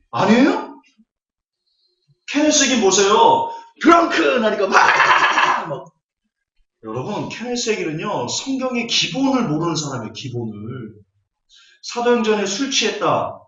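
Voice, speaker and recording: A man's voice: sits high, fairly bright tone. A man preaching a Bible lecture, scornful and full of rhetorical questions. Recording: echoey hall, distant, dull audio.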